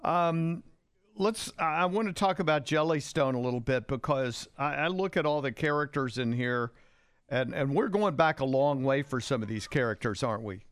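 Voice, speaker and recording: A man's voice: medium pitch, animated, normal speed, no room sound. A man hosting an interview, asking casual, conversational questions.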